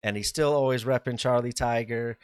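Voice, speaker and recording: A man's voice: medium pitch, fairly even intonation, fairly quick, smooth, no room sound. A man co-hosting a podcast, talking casually with frequent fillers and restarts. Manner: rambling, many fillers and restarts. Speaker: podcast co-host. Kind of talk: casual chat.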